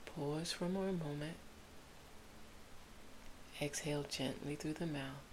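A woman leads a guided sleep meditation in a soft, soothing whisper. Her voice is low and very unhurried, like a spa relaxation guide. A faint hiss runs behind her. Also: fairly even intonation, low-quality recording. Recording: hissy background noise.

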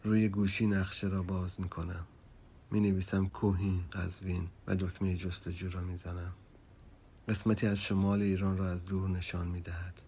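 A man reading a story aloud, calm and measured, sometimes dropping almost to a whisper. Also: a little hiss or hum. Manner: calm, low-key and measured, dropping to a near whisper at quiet moments. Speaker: narrator.

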